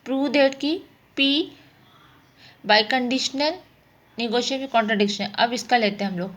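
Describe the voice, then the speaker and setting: Taking it slowly, a woman with a slightly high voice gives an informal spoken mathematics lesson. She works through problems one step at a time and often answers the questions she raises herself.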